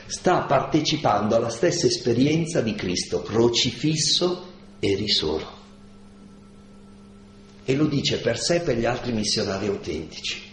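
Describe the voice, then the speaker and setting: A man giving a slow, deliberate lecture on scripture, stressing key words and asking rhetorical questions. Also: medium pitch, expressive, a little hiss or hum. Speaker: lecturer on Paul's letters. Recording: echoey room with faint ambience.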